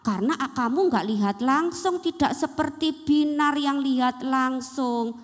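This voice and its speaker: A woman's voice: high-pitched, measured pace, big-room sound, pitched above the performer's own voice. Woman playing Pak Rudi, a firm schoolteacher. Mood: questioning. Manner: questioning, firm but gentle. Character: male schoolteacher, stern then kind.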